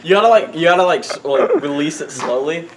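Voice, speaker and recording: Man, vlog host, casual chat to camera, somewhat high pitch, noisy home-video recording. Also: animated, a little fast.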